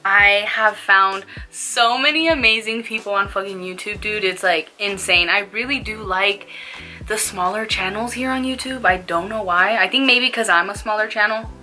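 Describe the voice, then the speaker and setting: Bright-voiced young woman, laid-back stoner talk. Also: mid-range voice, moderate pace, soft background music. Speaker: small YouTube vlogger. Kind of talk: casual smoke-along chat to camera.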